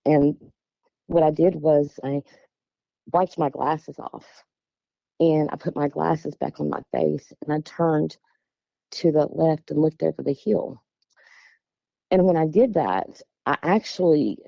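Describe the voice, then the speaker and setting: A woman's voice: deep voice, gravelly, mellow, dry recording. A middle-aged woman from West Virginia with an Appalachian accent, casually telling a personal story in a plain-spoken, meandering way. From West Virginia, USA. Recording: dull, lo-fi, dry close sound.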